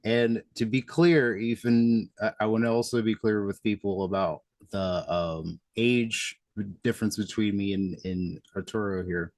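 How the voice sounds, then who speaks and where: A man's voice: lowish voice, measured pace, a little mellow, no echo. A young man in his twenties hosting a casual interview over a video call, chatty and rambling with restarts. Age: young adult. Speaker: host. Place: small room at home.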